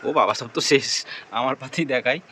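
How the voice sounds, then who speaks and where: A man's voice: mid-range voice, moderate pace, sharp tone, a little hiss or hum. A young man narrating a casual daily vlog, chatting directly to viewers while he works around the house. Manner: chatty, talks straight to viewers while doing chores. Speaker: vlogger.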